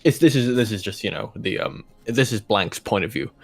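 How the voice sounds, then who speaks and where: A fan fiction reading video's host reads with a low-leaning, expressive voice full of vocal fry, moving a little fast. He turns the reading into a joke, interrupting himself with laughter and casual commentary while soft music plays underneath.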